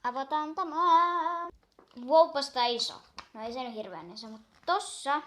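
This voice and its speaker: A young girl chatting casually while unboxing a toy, gushing and excitable, counting down aloud. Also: fairly high pitch.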